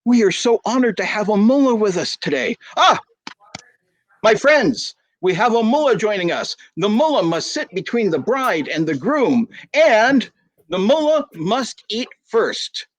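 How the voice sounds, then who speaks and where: A man voicing a fawning, excitable wedding host in a told folk tale, his voice pushed up and stammering. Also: a little slow, exaggerated voice. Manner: excitable, stammering, high-pitched. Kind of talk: storytelling performance.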